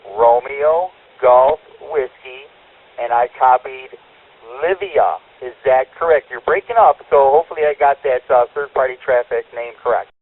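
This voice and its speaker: A man's voice: mid-range voice, normal speed. A man running a radio net as control operator, heard over a two-way radio transmission and talking in folksy, upbeat radio lingo. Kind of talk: radio net check-ins. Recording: tinny radio channel.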